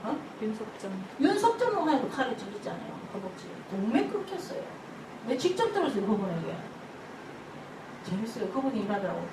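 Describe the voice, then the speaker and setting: An older woman pastor, preaching an animated sermon full of stories, acting out church members' voices and laughing often. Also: on the high side, a little fast. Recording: echoey hall from far off, noisy ambience.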